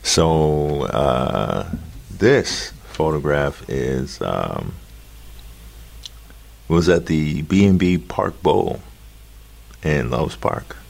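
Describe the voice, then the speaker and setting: Casting: male interview guest, extremely deep fry-laden voice, reflective, halting conversational delivery. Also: very animated, darkish tone. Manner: halting, thoughtful.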